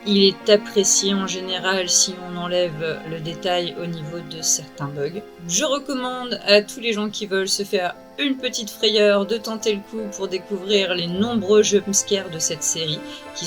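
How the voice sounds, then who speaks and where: A middle-aged woman narrates a video game review as its host. Her voice sits at a medium pitch, and music is clearly heard behind her.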